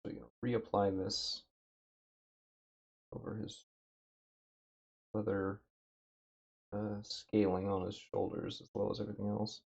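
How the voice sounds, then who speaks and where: Low husky guy rambling on a stream while he paints, dry throat, slightly muffled mic. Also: a little slow, pauses often. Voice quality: dry throat, a bit rough. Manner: relaxed, thinking aloud with many fillers. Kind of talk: casual livestream chat. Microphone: desk mic with noise gate.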